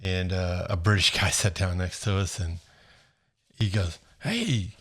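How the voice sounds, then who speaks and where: A man from Florida co-hosting a casual podcast, telling rambling stories full of restarts and quick impressions. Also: low voice, fairly bright tone, husky. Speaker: podcast co-host. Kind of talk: casual chat.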